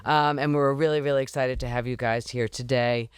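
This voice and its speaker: A man's voice: medium pitch, steady tone, brisk, clean tone, dry recording, studio quality. A man hosting a podcast, upbeat and effusive as he thanks guests and sponsors. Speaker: podcast host. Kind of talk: casual podcast chat.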